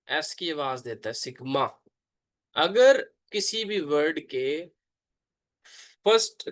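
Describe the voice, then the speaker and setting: A man, a pastor, teaching an online Bible class, slowly pronouncing and repeating letter names for his students. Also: on the high side, fairly bright tone, no room sound.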